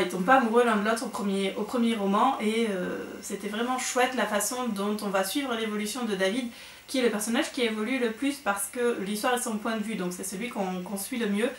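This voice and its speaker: A woman's voice: a little high, a bit bright. A woman giving a casual monthly book recap on her vlog, chatty and hesitant with frequent fillers and restarts. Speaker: book vlogger. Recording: echoey room with faint noise.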